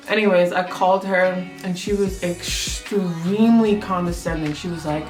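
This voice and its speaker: A young woman telling a story about her work as a photographer in a casual, chatty way, full of "like" and "um". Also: lowish voice. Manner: chatty, lots of "like" and "um", acts out quotes. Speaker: photographer vlogger. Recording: roomy echo with music underneath.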